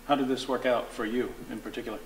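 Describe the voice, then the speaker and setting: A man in his thirties interviews a guest with plain, direct questions, sometimes quickening into a follow-up. His voice is mid-pitched for a man, and he is recorded in a small studio room. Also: steady tone.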